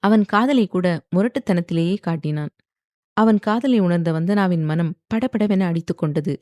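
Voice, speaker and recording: A woman narrating a romantic audio novel in a steady, expressive storytelling voice. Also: on the low side, moderate pace, no room sound, studio quality.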